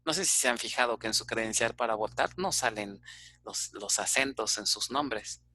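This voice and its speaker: A man with a Mexican Spanish accent lecturing an online class on databases, with a bright, clear voice. He explains patiently and keeps checking in with his listeners. The sound is dry and close, with no room around it. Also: on the low side, normal speed, dry recording. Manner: explanatory, checks in with frequent "ok?" and "este" fillers. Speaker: university database teacher.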